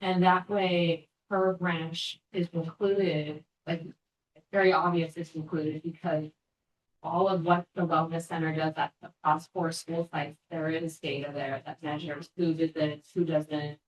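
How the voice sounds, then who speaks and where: A woman board member making an earnest proposal, pausing with fillers as she thinks. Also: deep voice, little pitch movement. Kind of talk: board meeting discussion. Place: board meeting room. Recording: echoey room, distant mic.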